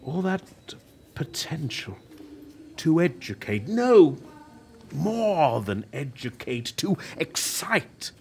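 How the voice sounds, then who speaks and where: In a radio drama, a heavily acted male voice, slightly high and gravelly, plays an older working-class TV writer who is dying: proud, prickly, reflective, wry and deliberate in speech. He sounds impassioned and lost in reminiscence, with a faint hiss or hum on the recording.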